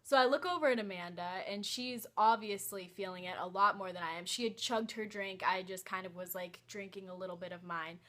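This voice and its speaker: A woman's voice: mid-range voice, brisk, few pauses, fairly bright tone. A young woman telling a personal story in a casual vlog, hesitant and full of "like" and "um". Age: young adult. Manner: hesitant, many "like" and "um" fillers. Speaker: vlogger.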